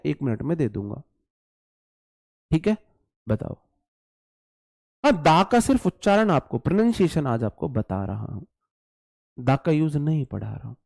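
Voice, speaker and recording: Slow, repetitive man teaching English. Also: sits high, darkish tone, no room sound, studio quality. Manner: slow, repetitive, drills words aloud; casual, speaks to students as brothers. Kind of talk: online exam-prep class.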